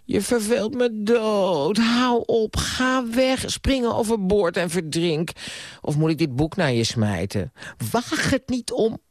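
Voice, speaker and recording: A man voicing a spoiled, defiant rich young woman in a radio play reading, scornful and sharp-tongued. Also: wildly swooping pitch, unhurried, no echo, studio quality, full character voice. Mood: furious. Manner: scornful, sharp-tongued, raised falsetto-like pitch.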